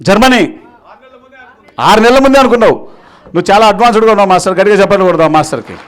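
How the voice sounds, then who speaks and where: A man with a high-pitched voice delivers a rousing motivational speech to a room of students. He exhorts his listeners and keeps urging the crowd to clap. English words slip into his speech as he goes. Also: animated, fast talker. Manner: exhorting, rallies the crowd to applaud. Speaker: meditation teacher addressing students. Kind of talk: motivational speech to a live audience.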